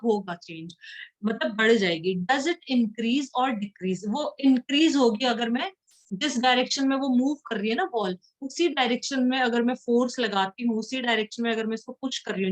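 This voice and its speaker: A woman teaching a school science class in Hindi. Her voice sits a little high, and she goes patiently through each point. When she reads the English lines from the book, she slows right down. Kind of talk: classroom lesson.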